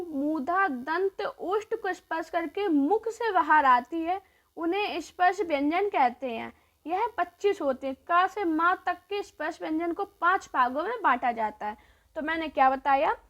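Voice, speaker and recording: High-voiced woman teaching a grammar lesson. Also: a bit bright. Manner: repeats points, asks and answers her own questions; draws out sounds slowly.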